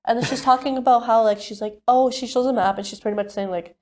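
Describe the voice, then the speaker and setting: A young woman chatting on a podcast, her voice sitting a touch higher than most. She tells a family story with lively acted-out quotes, switching voices for each person. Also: fast. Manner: animated, acts out family members' voices in quotes. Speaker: podcast co-host. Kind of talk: casual storytelling chat.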